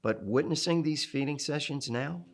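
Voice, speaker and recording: An actor playing a male support group leader who speaks calmly and reassuringly, in film dialogue. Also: fairly high pitch, normal speed, soft background music, close to an everyday voice. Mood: gentle. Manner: calm, gentle, reassuring. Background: film score.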